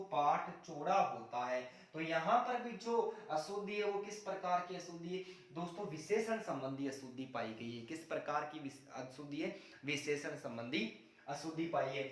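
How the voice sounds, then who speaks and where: A man teaching a grammar lesson for exams. He asks questions and answers them himself, and keeps calling his viewers "friends". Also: high-pitched. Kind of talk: exam-prep grammar lesson. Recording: very echoey room, voice far from the mic.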